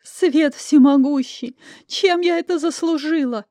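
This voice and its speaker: A woman doing a spoiled young princess, high shrill voice, sobbing outbursts, dry close sound. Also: measured pace, warm tone, no echo. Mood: hysterical. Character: pampered young princess, hysterical and indignant.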